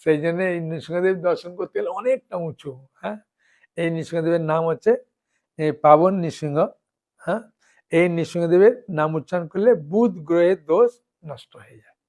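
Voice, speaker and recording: A male monk delivers a devotional sermon in a rather high voice. He keeps checking that his listeners follow him and recites lists of names slowly, one at a time. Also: a little mellow. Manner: keeps asking listeners "understood?". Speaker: monk preacher.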